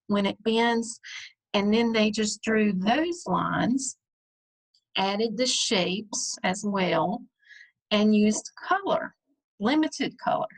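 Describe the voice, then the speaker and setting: A woman's voice: mid-range voice, low-quality recording. A woman art teacher explaining artworks to young pupils in a patient, step-by-step way. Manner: patient, explanatory, talks in short added phrases. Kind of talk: classroom lesson explaining artworks.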